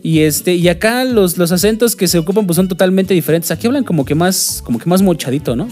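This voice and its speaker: A man's voice: sits high, fast, darkish tone. Chilango guy rambling on a podcast mic, lots of swearing and fillers, faint music underneath. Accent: Mexico City Spanish. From Mexico City. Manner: slangy, swears often, many fillers. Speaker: podcast host. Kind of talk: casual podcast chat. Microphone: studio microphone.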